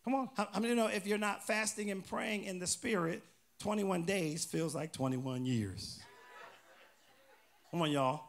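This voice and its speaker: A male pastor with a high, gravelly voice preaches in a church. He reads scripture aloud in loud rising bursts and keeps prompting his congregation to answer. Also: unhurried. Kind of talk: call-and-response sermon.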